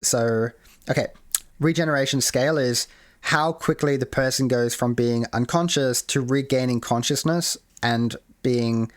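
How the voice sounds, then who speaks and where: Recorded in clean studio sound with no echo, a medium-pitched man hosts a laid-back screen-share tutorial on making a game mode. He has the hiccups and rambles, with many fillers and restarts.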